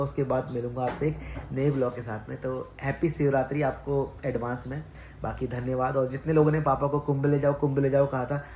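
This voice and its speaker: A man's voice: mid-range voice, darkish tone, a little hiss or hum. A young man hosting a casual family vlog, chatty and teasing, talking straight to his viewers. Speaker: vlogger host.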